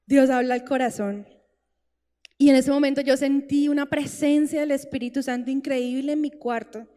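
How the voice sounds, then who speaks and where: A woman preacher giving a heartfelt sermon testimony, slow pauses building to tearful pleading. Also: high voice, fairly even intonation, mellow. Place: church hall. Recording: long church reverb with faint music.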